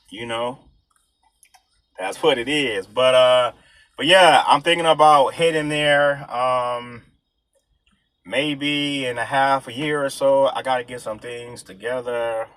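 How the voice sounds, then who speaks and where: A man from the United States rambling casually in slangy street talk, halting often as he thinks out loud. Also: medium pitch, poor audio. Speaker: vlogger.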